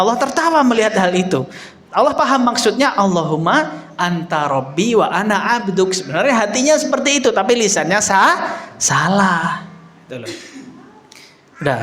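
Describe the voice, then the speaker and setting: A man's voice: sits high, normal speed, long pauses. A young man preaching a casual sermon, telling stories animatedly and acting out the people in them. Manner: animated storytelling, acts out quoted voices, addresses audience as Pak.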